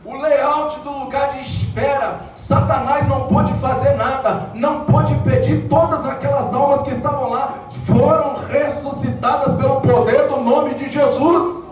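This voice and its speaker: A Brazilian man preaching an evangelical sermon, building to shouted, sung climaxes. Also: extremely high pitch, steady tone, unhurried, hardly any pauses, recorded from a distance. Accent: Brazilian Portuguese. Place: church. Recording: echoey church hall heard from afar, music behind.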